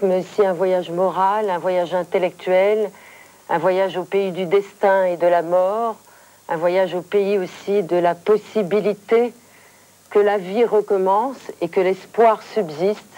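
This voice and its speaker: A woman hosting a formal TV interview, speaking in measured, eloquent phrases. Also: mid-range voice, steady tone, warm tone.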